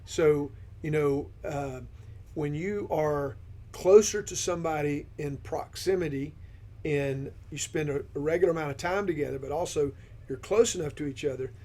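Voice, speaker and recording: A man on a ministry team who guides a podcast discussion, affirming his partner and posing questions in a steady manner. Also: a little high, normal speed. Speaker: discipleship ministry team member leading the discussion.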